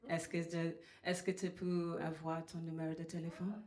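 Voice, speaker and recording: A woman from Trinidad and Tobago with a Trinidadian accent, performing stand-up comedy in a halting way with many fillers. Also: sits low, completely flat delivery, darkish tone. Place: comedy venue. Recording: roomy live venue sound.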